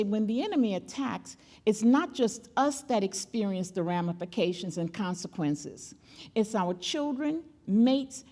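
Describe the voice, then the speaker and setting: An older woman delivers a church sermon with a fairly high voice. She speaks emphatically, repeats her key phrases and calls on the listeners to respond. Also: warm tone. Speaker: guest speaker.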